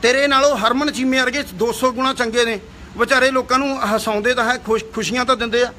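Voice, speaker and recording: A young man delivers a heated, scolding video rant in a high, bright voice. He repeats his points with force as he talks straight to his viewers. Faint noise sits behind him. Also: fairly even intonation, fast talker. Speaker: actor and singer.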